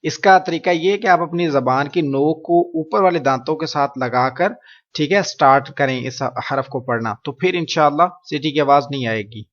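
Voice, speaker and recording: A man teaching Quran reading, slowly modeling each letter sound and then explaining it. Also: fairly high pitch, fairly bright tone, lo-fi sound. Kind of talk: teaching Arabic letter pronunciation.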